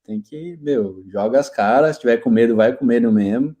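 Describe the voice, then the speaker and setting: A Brazilian man in his thirties, a guest telling stories in a relaxed, slangy, animated way over a video call. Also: medium pitch, normal speed. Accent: Brazilian Portuguese. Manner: lively storyteller, slangy, laughs often. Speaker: guest, IT specialist. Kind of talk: casual interview chat.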